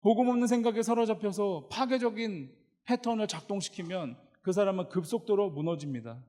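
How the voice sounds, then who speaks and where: Lively, high-voiced male preacher. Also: fairly quick, long reverb tail. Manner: lively, joking storyteller who addresses the congregation. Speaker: pastor. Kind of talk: sermon.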